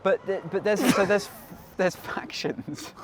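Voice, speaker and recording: A man's voice: sits high, takes it slowly, very noisy. A man in casual podcast chat about games, talking in a playful, bantering way.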